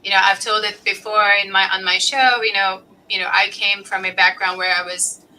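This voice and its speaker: A woman's voice: medium pitch, flat delivery, moderate pace, sharp tone, a little hiss or hum, rough recording. A middle-aged woman from Lebanon hosting a podcast interview, talking casually with many fillers and restarts. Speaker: podcast host.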